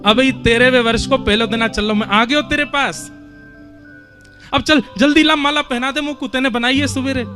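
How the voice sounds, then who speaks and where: A man's voice: fairly even intonation, moderate pace, soft background music. A man voicing a playful young divine cowherd with a Braj accent, calling out eagerly and urgently. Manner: eager, urgent, high and bright.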